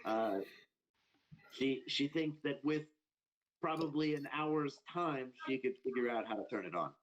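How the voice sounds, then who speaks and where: Male dungeon master, mid-pitched, loose and chatty narration full of ums. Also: a little slow, highs cut off. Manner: relaxed, filler-heavy narration. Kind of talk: narrating a tabletop game.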